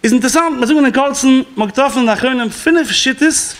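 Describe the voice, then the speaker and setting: A man's voice: extremely high pitch, fairly quick, fairly bright tone. A man giving a rabbinic law class as a spoken lecture, explaining and quoting sources, with an occasional chuckle.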